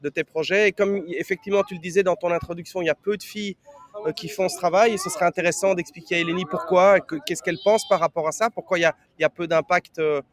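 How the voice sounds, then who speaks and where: Male podcast co-host, notably high-pitched voice, casual and rambling. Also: steady tone, quick pace. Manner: rambling, often rephrasing. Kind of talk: casual conversational explanation.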